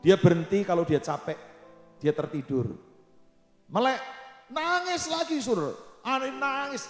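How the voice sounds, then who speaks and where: A man's voice: very high voice, sing-song, moderate pace. A man preaching a sermon, telling a story with emphasis and calling to his listeners in a church. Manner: emphatic, addresses the audience as brothers and sisters. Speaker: pastor. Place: church sanctuary. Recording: echoey church hall with soft music.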